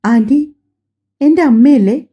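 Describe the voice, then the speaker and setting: A woman's voice: high voice, slow, warm tone, voice pushed up. A woman voicing a sleepy, sick little boy who mumbles drowsily and pleads, in an audio drama on slightly dull lo-fi audio.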